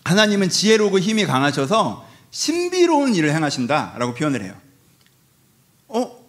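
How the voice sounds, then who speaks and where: A male pastor preaching with a bright, fairly high voice that swoops up and down all the time. He talks fast and casually, firing rhetorical questions at the congregation. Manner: lively, conversational preaching with rhetorical questions and acted-out quotes. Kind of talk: sermon.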